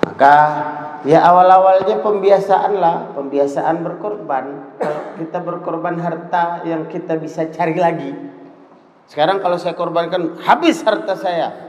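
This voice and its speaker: A man's voice: fairly high pitch, normal speed, darkish tone. A man with an Indonesian accent preaching a sermon, telling stories and acting out the quoted dialogue. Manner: storytelling, acts out quoted dialogue. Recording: echoey hall reverb.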